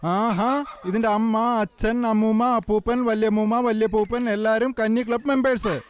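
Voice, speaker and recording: Male dub actor as a fussy lecturing vet, very high-pitched, film comedy. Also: fairly even intonation, moderate pace, clean tone, lightly acted. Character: fussy comic male dog doctor, pompous. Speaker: veterinary doctor. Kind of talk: Malayalam film dubbing. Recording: film soundtrack.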